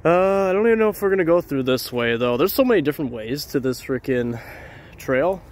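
A man's voice: a little high, animated, fairly quick. A man talking casually to his viewers as a vlog host, rambling and repeating phrases, recorded outdoors on a handheld camera. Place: outdoors at night on trails and roads.

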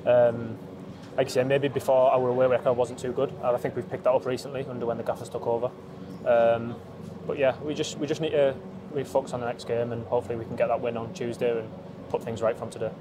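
A man's voice: medium pitch, flat delivery, quick pace, a crowd in the background, low-quality recording. A young man in his twenties giving a post-match interview as a footballer, hesitant with many ums and restarts, recorded outdoors in empty stadium stands on a handheld phone. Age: 20s. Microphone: handheld phone held up close.

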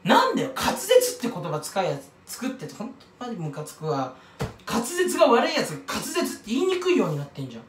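A man's voice: very high-pitched, huge pitch swings, quick pace, distant mic, a little hiss or hum. Rambling, self-mocking man in a roomy echo. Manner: self-mocking, rambling tangents, stumbles over words. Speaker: YouTuber commenting on another creator. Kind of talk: casual rambling monologue.

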